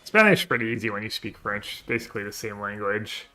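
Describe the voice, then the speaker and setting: A man's voice: on the low side, lively intonation, quick pace, pushed and bright, faint music behind. A man streaming a card game, chatting casually with viewers and thinking aloud in short, trailing phrases. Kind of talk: casual gameplay chat to a live chat.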